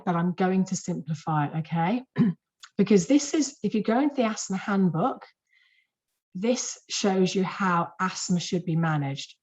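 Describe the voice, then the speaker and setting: A woman, a clinician, giving a lively and emphatic webinar lecture to health professionals in a conversational way, repeating words for stress. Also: fairly low pitch. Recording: muffled lo-fi webinar audio.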